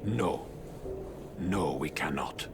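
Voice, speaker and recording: Grave old creaky mutant master, Splinter. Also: male voice, lively intonation, over music, full character voice. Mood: resolute. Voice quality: low, creaky. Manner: solemn, formal, measured phrasing. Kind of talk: video game cutscene acting.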